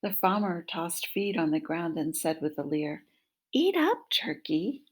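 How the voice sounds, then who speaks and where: Reading aloud to little kids from a picture book, this fifties-aged woman keeps stopping to quiz them, recorded on her laptop an arm's length away in a small home room. She speaks low and at a measured pace but with great animation, over a noisy background.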